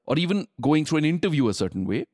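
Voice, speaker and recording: A woman's voice: low voice, very animated, fast, a little mellow, no echo, clean studio sound. A woman interviewing in a casual, reflective way, summing up what was said.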